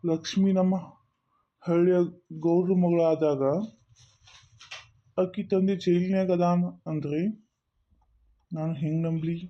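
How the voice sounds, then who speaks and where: A man doing a boastful village detective uncle with a North Karnataka Kannada accent, his voice pitched fairly high. He blusters and talks himself into his own theories. The audio is dull and muffled. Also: level tone, slow pace, pauses often. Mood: suspicious.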